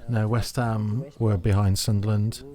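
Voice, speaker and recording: A man co-hosting a casual watch-along chat, relaxed and chuckling as he talks. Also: on the low side, a little slow. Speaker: podcast co-host.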